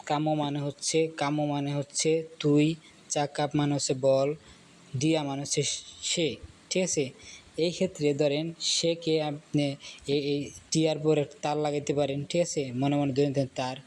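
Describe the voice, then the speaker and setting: A man teaching a language lesson, explaining slowly and checking understanding often. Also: fairly high pitch, level tone, a little mellow, a little hiss or hum. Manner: explains slowly, repeats words, often asks "ঠিক আছে?". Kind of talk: casual spoken lesson.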